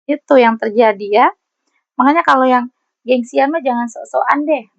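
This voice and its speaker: Tarot reader, woman, high voice, chatty and teasing, dry and slightly dull lo-fi recording. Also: moderate pace, vocal fry, no room sound. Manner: chatty, teasing, laughs often. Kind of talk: casual tarot reading to viewers.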